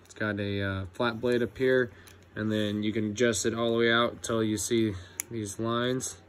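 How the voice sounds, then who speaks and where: A young man walks through his tool bag in a loose, unhurried way, his voice sitting a little low. He fills gaps with ums and swears without thinking about it. A faint background noise runs under the recording. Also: little pitch movement. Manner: laid-back, swears a lot, many ums. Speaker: electrician apprentice. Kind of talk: casual tool review vlog.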